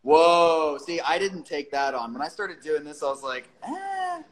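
A man's voice: on the high side, normal speed, poor audio. A man hosting a casual livestream from his phone, joking around and swearing freely with viewers who join the stream. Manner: swears a lot, loose and jokey. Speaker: livestream host.

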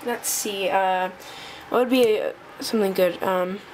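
A woman presenting a casual tech demo off the cuff, halting and thinking aloud as she goes. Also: medium pitch, steady tone, a little mellow, poor audio. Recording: noticeable background noise.

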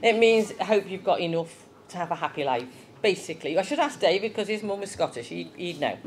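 A woman's voice: fairly low pitch, lively intonation, a little fast, a little hiss or hum. A woman giving a chatty children's talk in church, asking the young ones questions.

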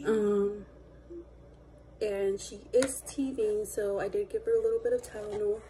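A woman's voice: medium pitch, fairly even intonation, a little slow, dark tone. A young adult woman, a mother, chatting casually and teasing playfully in a vlog from a car. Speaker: vlogger and mother. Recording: car and street noise behind.

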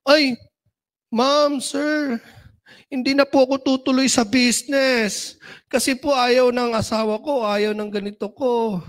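A man's voice: extremely high pitch, fairly even intonation, a little slow. A man voicing a timid adult reseller who politely and apologetically pleads to quit the business. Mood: pleading.

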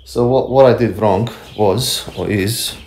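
Here a homesteader in his thirties vlogs from a stone workshop shed, talking to the phone camera he holds at arm's length as he works. He speaks casually and self-deprecatingly, with lots of fillers, in a lowish, darkish voice at a measured pace. The recording carries the shed's echo and faint background noise.

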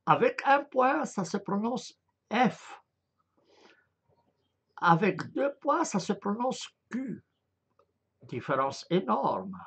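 Male lecturer, very slow and halting, gravelly, pitch wanders widely, explains step by step. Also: sing-song, fairly bright tone. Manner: hesitant, frequent filler sounds and restarts; spells out letter sounds one by one. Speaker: lecturer on Arabic script.

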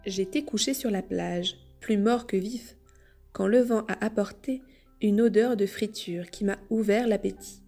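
A woman voicing Alidor, a kind and loyal big dog who talks calmly, in a storybook reading. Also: mid-range voice, a little slow, gravelly, faint music behind. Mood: telling.

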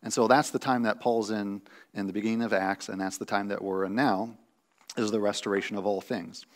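A man's voice: fairly low pitch, fairly even intonation, a little fast. A man in his thirties preaching a sermon from a pulpit in a church sanctuary, teaching conversationally with restarts and fillers. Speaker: pastor.

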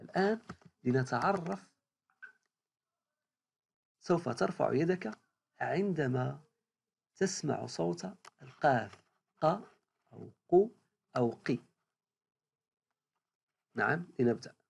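A primary school teacher from Morocco giving a recorded reading lesson to young pupils, repeating each word slowly and praising every answer. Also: medium pitch, animated, vocal fry, darkish tone, husky.

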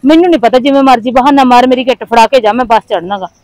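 A woman's voice: on the high side, rapid-fire, a crowd in the background, close to an everyday voice. A young woman, playing a lovesick village college girl who pushes her friends for help. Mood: pleading. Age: young adult. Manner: pushy, pleading with her friends. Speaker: college student. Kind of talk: village family drama acting.

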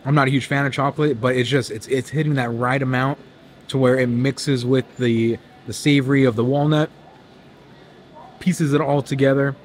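Rating a cookie aloud, an upbeat young man keeps up a casual vlog chat inside a busy convention hotel hall with crowd chatter behind. He speaks at normal speed in a mid-range voice with fairly even intonation.

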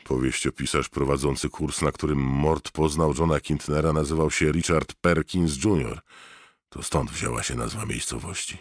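A man narrating an audiobook in a steady, measured reading voice. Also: a bass voice, no room sound, clean studio sound. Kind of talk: scripted narration.

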